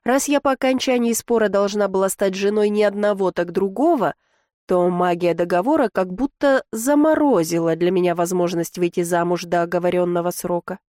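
A woman narrating a first-person fantasy audiobook in an expressive reading voice. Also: medium pitch, brisk, no echo, studio quality.

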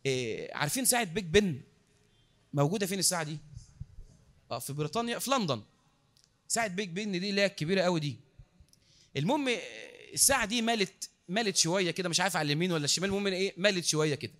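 Egyptian male preacher, mosque lecture; quick, high-pitched, engages the crowd with questions. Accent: Egyptian Arabic. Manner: lively, repeats words for emphasis, asks the crowd questions.

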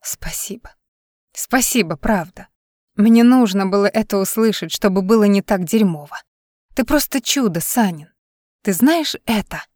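A woman's voice: medium pitch, animated, moderate pace, darkish tone, no room sound, studio quality, natural voice. A woman voicing a drunk, tearful young woman singer. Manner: slurred, wavering, swallowing letters.

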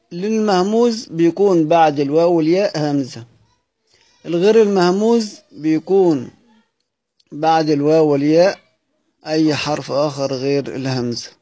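Man teaching, slightly high voice. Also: mellow. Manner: explanatory, asks questions then answers; chants verse lines slowly. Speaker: Quran recitation teacher. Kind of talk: live online lesson.

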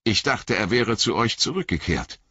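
A man voicing a proud, troubled human warrior who speaks in a hesitant, halting way. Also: fairly low pitch, animated, bright, forceful tone, slightly rough, no room sound, voice pushed up, heavily acted. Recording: dry, slightly dull audio.

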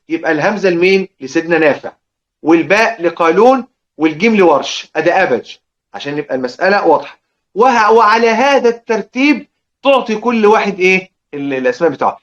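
Egyptian guy teaching a class, high voice, kinda dull lo-fi audio, keeps asking and answering himself. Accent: Egyptian Arabic. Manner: lively, asks and answers his own questions. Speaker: Quran recitation teacher. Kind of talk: explaining a lesson to students.

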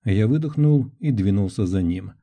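Dark-voiced male audiobook narrator. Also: on the low side, expressive, moderate pace. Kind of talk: scripted first-person narration.

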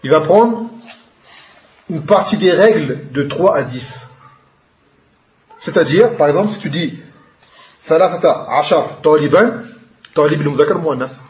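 A man's voice: on the high side, lively intonation, measured pace, long pauses, darkish tone. Man teaching in an echoey room. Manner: explains patiently, switching between French and Arabic terms. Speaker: Arabic teacher. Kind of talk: classroom grammar lesson. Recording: echoey room, dull lo-fi sound.

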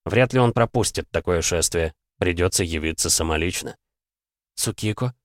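Deep-voiced male audiobook narrator. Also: a little fast, no room sound, clean studio sound. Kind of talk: scripted first-person audiobook narration.

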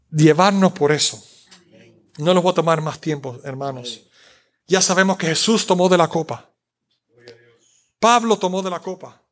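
A man preaching a sermon in a conversational, joking way, slipping in English words and talking to the congregation. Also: high-pitched.

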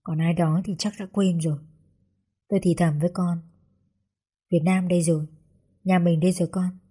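A young woman calmly narrating a first-person story in a reflective way. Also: on the low side, breathy edge. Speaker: audiobook narrator.

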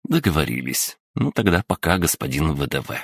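A man's voice: extremely low pitch, very animated, brisk, gravelly, husky, no echo, studio quality, heavily acted. A man voicing a sly, teasing schoolgirl. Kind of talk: audiobook reading.

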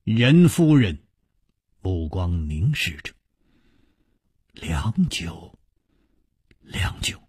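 A man telling a martial-arts story in a broadcast storytelling style, drawing out his phrases with a lively rise and fall. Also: low voice, very slow, pauses often, husky, no echo.

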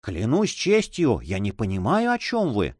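A man's voice: mid-range voice, huge pitch swings, measured pace, darkish tone, no room sound, studio quality. A man voicing a frightened, hesitant Spanish monk who stammers timidly. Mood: fearful.

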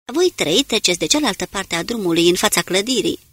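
A woman voicing a calm commanding soldier. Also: no echo. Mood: steady. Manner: terse low-voiced orders. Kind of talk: audiobook character reading.

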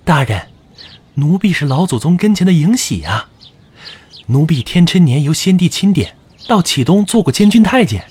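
A man voicing a fawning, sly middle-aged palace eunuch in an audio drama, with a high simpering delivery. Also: very animated, normal speed, a little mellow, breathy edge, full character voice. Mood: wheedling.

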